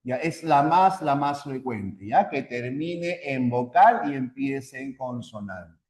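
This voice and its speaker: A man's voice: medium pitch, lively intonation, slow, a little mellow. Echoey teacher man, repeating patiently. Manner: repeats points with tag questions, patient and methodical. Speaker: language teacher. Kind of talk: online class lecture.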